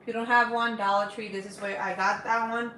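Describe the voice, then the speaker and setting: Speaking briskly in a slightly high voice with little pitch movement, this Dominican cooking host in her forties chats with viewers as she cooks live at home. Her tone is bright and forceful. The low-quality recording has an echoey room and a little hiss or hum.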